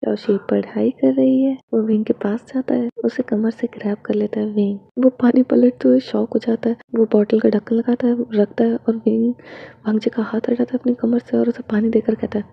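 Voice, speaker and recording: Brief: female storyteller, raspy and gravelly, slightly high, reads all parts of a romance tale in a near-unchanged voice. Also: little pitch movement, moderate pace, no echo. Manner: switches between narration and characters with little change of voice. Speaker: fan fiction reader. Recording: dull lo-fi home recording.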